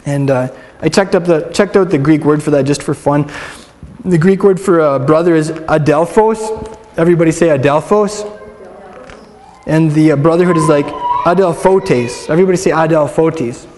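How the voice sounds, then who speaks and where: A man's voice: a little high, normal speed, darkish tone. Upbeat man teaching a group in a reverberant hall. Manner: chatty, upbeat, filler-heavy, has the room repeat words. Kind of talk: casual interactive Bible teaching. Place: room with a group of listeners.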